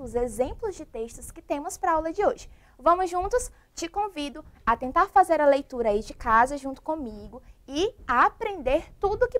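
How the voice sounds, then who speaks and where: A woman teaching a primary school class on a broadcast lesson, asking the children at home many questions. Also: high-pitched. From Brazil. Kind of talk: televised remote classroom lesson.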